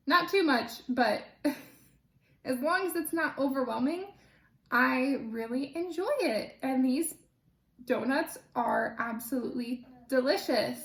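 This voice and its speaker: High-voiced young woman in an echoey kitchen. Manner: chatty, laughs easily, says "like" often. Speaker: cooking channel host. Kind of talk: casual cooking vlog chat. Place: home kitchen.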